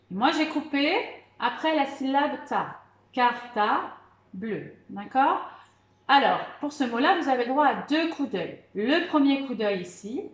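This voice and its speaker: A primary school teacher gives young children a remote spelling lesson, her fairly high voice sounding reverberant. She patiently spells words letter by letter and keeps encouraging them, often saying "d'accord" and "très bien".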